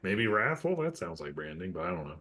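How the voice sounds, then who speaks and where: Low-voiced man running a tabletop game. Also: sing-song, quick pace. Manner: explains rules and narrates plainly. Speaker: game master.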